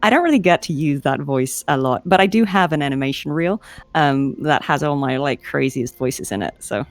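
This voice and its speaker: A woman's voice: low-pitched, a little fast, no echo. A woman voice actor chatting as a guest in a giggly, self-deprecating way. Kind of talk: casual interview chat.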